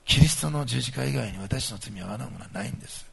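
A male pastor preaching a sermon to his congregation, emphatic and animated, moving between soft asides and loud stressed points. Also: mid-range voice, fast talker, gravelly, breathy edge.

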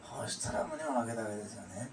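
A man's voice: on the low side, quick pace, a loud crowd. A male pastor giving an earnest, emotional testimony sermon, often adding "ne" to his sentences. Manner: earnest, emotional storytelling with frequent "ne". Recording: echoey room, distant mic, noisy.

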